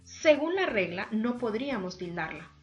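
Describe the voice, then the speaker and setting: A woman teacher gives a remote lesson on accents and syllables, pronouncing words slowly and deliberately, syllable by syllable, and speaking formally to her students. Her voice is on the high side and sing-song, with lo-fi sound and faint music behind.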